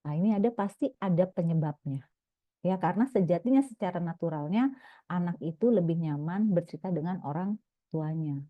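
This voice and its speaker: A woman parenting coach giving a lively online seminar talk, acting out little scenes between parents and children. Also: fairly low pitch, brisk, no echo. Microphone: video call. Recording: dry, phone-like video call audio.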